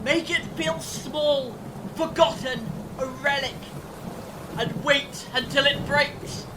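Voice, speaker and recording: Over a distant mic and a storm-like rumble, an actor voices a grave, clever time traveller in a fan-made audio drama. He lays out explanations with measured drama and a resolute mood.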